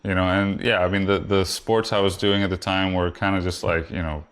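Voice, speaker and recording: A man's voice: low voice, fairly quick, clear, resonant tone. A man in his forties from Puerto Rico, a guest chatting casually and rambling with lots of fillers. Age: 40s. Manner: relaxed, rambling, many fillers like "you know". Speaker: guest, foiler. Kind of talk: casual conversation.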